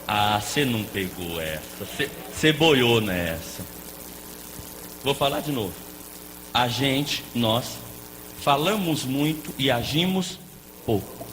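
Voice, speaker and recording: Pastor animado pregando num salão com eco. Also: male voice, mid-range voice, animated, slow pace, long pauses. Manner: playful, jokes with the congregation. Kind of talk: lively sermon. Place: church hall. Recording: echoey hall with faint noise.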